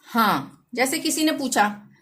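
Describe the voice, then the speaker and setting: A woman teaching a Hindi grammar lesson, reading example sentences slowly and deliberately. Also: sits high, very animated, a bit bright.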